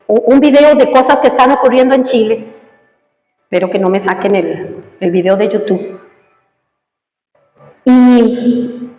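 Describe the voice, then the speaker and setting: Impassioned high-voiced woman preaching. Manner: impassioned, rising to loud emotional peaks. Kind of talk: sermon. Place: church. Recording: echoey church hall with faint music.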